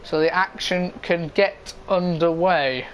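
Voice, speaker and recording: High-voiced male motorsport commentator. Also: fairly even intonation, slow, a bit bright, slight background noise, rough recording. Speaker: motorsport commentator of an online sim racing league. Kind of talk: live motorsport commentary of a racing game.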